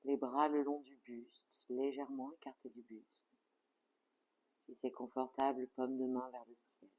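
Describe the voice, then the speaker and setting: The recording is rough, but the medium-pitched yoga nidra instructor comes through calm and soothing while leading the relaxation. Speech is measured, with softly fading phrase endings.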